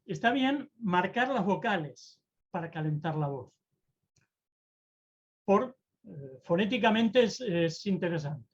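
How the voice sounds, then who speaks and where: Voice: medium pitch, expressive. A mentor gives a talk on public speaking over a video call. The delivery is theatrical and moves freely between tones and speeds. The audio is slightly dull and lo-fi. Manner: theatrical, deliberately varies tone and pace. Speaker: presentation-skills mentor.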